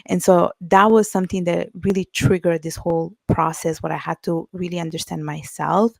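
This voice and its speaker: A woman from Italy speaks English with an Italian accent, her voice lowish and gravelly with plenty of fry. She talks as an interview guest in a reflective, unhurried way, leaning on little fillers as she thinks. The sound is close and dry. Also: flat delivery, a little mellow, no echo. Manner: reflective, with many fillers like "you know" and "like". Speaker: author and guest. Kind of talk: casual interview talk.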